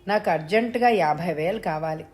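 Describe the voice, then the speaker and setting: A woman's voice: fairly low pitch, a little fast, darkish tone, close to an everyday voice. A woman voicing a menacing male kidnapper who makes threats over the phone with cold, mocking politeness.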